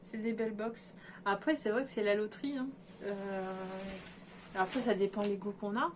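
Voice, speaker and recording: Talking to her viewers at a normal speed, a sewing vlogger with a medium-pitched voice works through fabrics casually, pausing to think aloud and filling gaps with fillers. A little hiss or hum sits in the recording.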